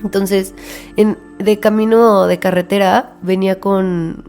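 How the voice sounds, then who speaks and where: A woman's voice: medium pitch, takes it slowly, soft background music. Mexican woman telling a personal story. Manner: reflective, animated retelling with quoted dialogue. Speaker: spiritual podcast host.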